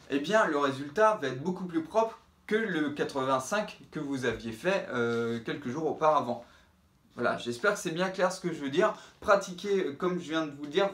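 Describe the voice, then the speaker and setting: A man's voice: mid-range voice, a bit bright, roomy sound. A man teaching trombone in an instructional video, explaining patiently and speaking the tonguing syllables aloud as he demonstrates.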